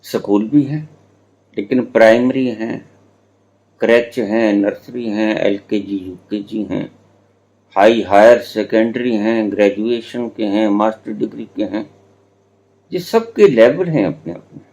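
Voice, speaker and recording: A man in his seventies giving a spiritual discourse, telling stories slowly with drawn-out words and playful teasing. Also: lowish voice, dark tone. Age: 70s. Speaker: spiritual teacher.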